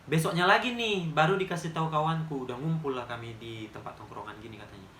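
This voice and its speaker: A man's voice: fairly high pitch, quick pace, a bit bright, a little hiss or hum. A young man in his twenties with a Medan accent, telling a story to camera in a chatty, emphatic way. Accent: Medan Indonesian. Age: 20s. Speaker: vlogger. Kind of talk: casual storytime monologue. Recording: roomy echo.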